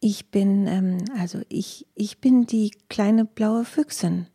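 Lady doing a shy little fox, stutters a lot, soft breathy voice, kinda high. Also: moderate pace, no echo, clean studio sound. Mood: stammering. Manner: hesitant and stammering. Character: shy little female blue fox, timid and insecure.

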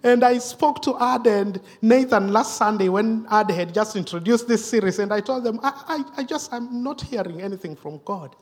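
A man preaching a sermon in a church, dropping at times to a hushed whisper, with frequent restarts and repetition. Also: sits high, normal speed, few pauses. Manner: dramatic drops to a hushed whisper; repeats himself, self-correcting restarts.

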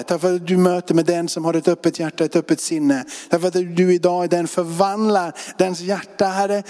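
A man's voice: high-pitched, warm tone. A male pastor leading a closing prayer and telling a story in a church service, speaking with a fervent, repetitive cadence. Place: church sanctuary. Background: music playing under the voice.

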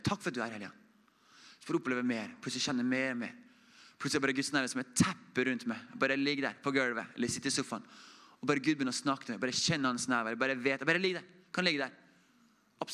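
A young man preaching an informal testimony sermon as a mission report, earnest and conversational, often dropping to a hush. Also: medium pitch. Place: church.

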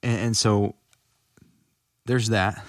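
A man's voice: on the low side, steady tone, slow pace, dry recording, clean studio sound. A man with a West Texas accent hosting a casual interview, feeling his way through questions as he rephrases them.

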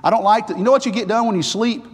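A man with an Appalachian hillbilly accent preaching in an energetic, earnest, exhorting way, as a chapel sermon. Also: high voice, breathy edge. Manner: energetic, fast talker. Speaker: preacher at a Bible college chapel. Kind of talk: sermon with announcements and scripture reading. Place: large chapel, preaching to students. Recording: echoey hall with long reverb.

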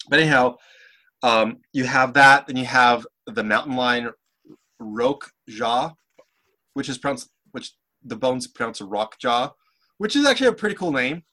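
A man with a bright, forward voice talks through a story in relaxed podcast chat. He hesitates often and restarts his sentences as he hunts for words. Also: medium pitch. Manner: hesitant, many fillers and restarts. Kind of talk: casual chat.

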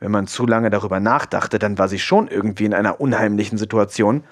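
A man narrating an audiobook in a calm, even way. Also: fairly low pitch, quick pace. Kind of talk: audiobook reading.

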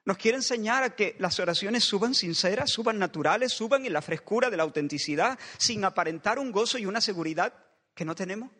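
A man's voice: high voice, animated, a little fast, bright, forceful tone. A man preaching a sermon in a church, building passionate pleading refrains that circle back again and again. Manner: impassioned, with repeated pleading refrains. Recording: long reverb of a large hall.

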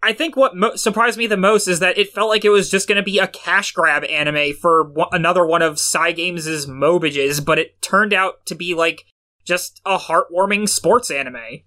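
A man with a high, bright, forward voice co-hosts a podcast in casual chat. He chimes in with quick, enthusiastic remarks. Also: fairly even intonation. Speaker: podcast co-host.

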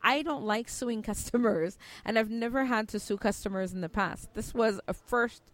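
A woman's voice: a little high, normal speed. A middle-aged woman from Cameroon, a company founder, answering interview questions earnestly with frequent restarts and fillers.

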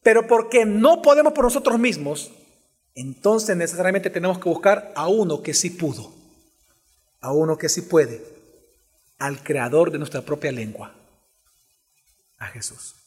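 A high-pitched man delivers a teaching sermon, speaking straight to the people in front of him and pressing his points with changing emphasis. His voice carries a long reverb from a large church hall. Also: animated, a little slow, pauses often, husky. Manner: expository preaching, shifting pace and emphasis, addresses congregation directly. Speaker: pastor.

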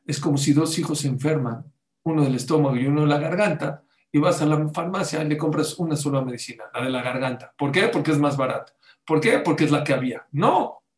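A man's voice: fairly high pitch, brisk. Man preaching in an echoey room. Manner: asks the audience rhetorical questions, cites Hebrew sources. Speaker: religious teacher. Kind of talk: sermon-style talk on parenting.

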